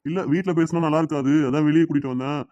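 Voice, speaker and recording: A man voicing a protective middle-aged cartoon father in Tirunelveli Tamil, gentle with his daughter and scolding with his wife. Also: on the high side, very fast, dry recording, lo-fi sound, close to an everyday voice. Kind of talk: cartoon dialogue.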